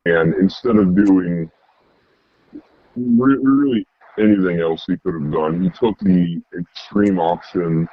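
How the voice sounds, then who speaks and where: A man whose voice is electronically altered to sound very deep, speaking haltingly as an anonymous former soldier in a news interview. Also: dry recording, highs cut off. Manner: halting, repeats words while searching for them.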